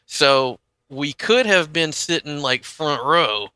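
Very bright, forceful man, dry sound. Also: on the high side, animated, slow, clean tone, no echo. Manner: rambling, full of asides. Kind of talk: casual storytelling chat.

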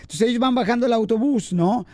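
High-voiced playful radio host. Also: male voice, quick pace, warm tone, dry recording. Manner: playful, acts out joke voices. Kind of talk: joke-telling radio banter.

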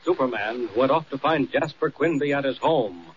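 A man reading scripted radio narration in an even, announcing manner, on an old recording. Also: mid-range voice, normal speed, a crowd in the background. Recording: dull old radio recording, faint hiss.

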